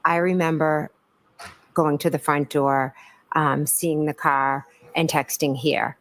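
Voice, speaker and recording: A woman's voice: sits low, steady tone, slow pace. A woman testifying as a witness in a courtroom, giving careful, hesitant and apologetic answers.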